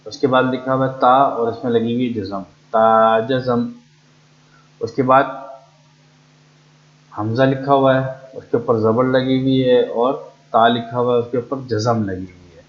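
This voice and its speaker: A man's voice: medium pitch, fairly even intonation. A man teaching beginners to read the Quran, repeating each syllable three times in a patient chanting drill. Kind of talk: slow, drilling beginner lesson. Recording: slightly dull, lo-fi.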